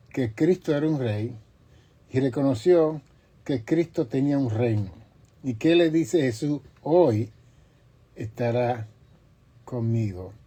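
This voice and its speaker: A man preaching a sermon as pastor, in slow, emphatic phrases with long pauses and forceful rises on quoted lines. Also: medium pitch, husky.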